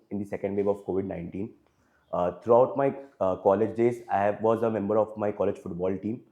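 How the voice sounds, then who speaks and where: A man's voice: fairly low pitch, mellow. A man in his twenties with an Indian English accent answering interview questions formally, hesitant with many fillers and deferential. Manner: hesitant, frequent fillers, deferential, adds "sir" often. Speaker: interview candidate.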